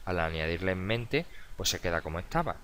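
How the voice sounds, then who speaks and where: Man, teacher, video tutorial, low voice, step-by-step explaining, self-answered questions, fillers, faint background noise. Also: big pitch swings, a little fast, fairly bright tone. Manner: asks questions and answers them himself. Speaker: adult education teacher.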